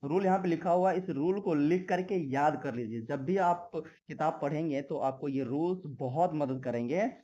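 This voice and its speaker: Mellow-voiced male teacher drilling words. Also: fairly high pitch, dull audio. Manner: asks and answers his own questions, drills word lists slowly. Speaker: English teacher. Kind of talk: classroom-style video lesson.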